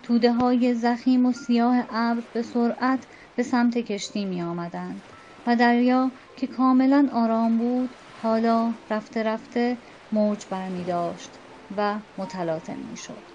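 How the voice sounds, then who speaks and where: A woman narrating a storybook tale in an even, measured reading. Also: on the high side, slight background noise. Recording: dull lo-fi with faint music.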